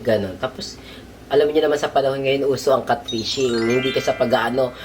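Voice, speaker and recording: A man telling a story in a casual vlog, gossipy and animated, his pitch jumping up and down a lot. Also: fairly quick, music in the background. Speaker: vlogger.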